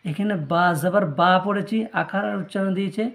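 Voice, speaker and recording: A man with a Bangladeshi Bengali accent, teaching a Quran reading lesson, patiently repeating each syllable and slowing down to drill letters. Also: high-pitched, steady tone. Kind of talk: step-by-step recitation lesson.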